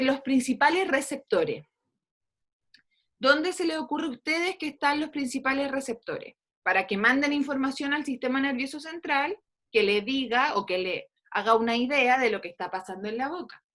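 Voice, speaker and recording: A woman's voice: sits high, lively intonation, normal speed, fairly bright tone. A woman teaching an online dentistry class, coaxing students to answer questions with frequent fillers over a video call. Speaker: dentistry lecturer.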